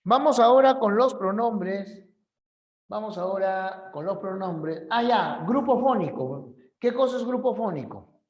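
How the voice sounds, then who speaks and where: A man's voice: sits high, expressive, measured pace, roomy sound, muffled recording. A male teacher, giving a conversational class for an admission exam and often checking that students agree. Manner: conversational, asks students for agreement, acts out examples.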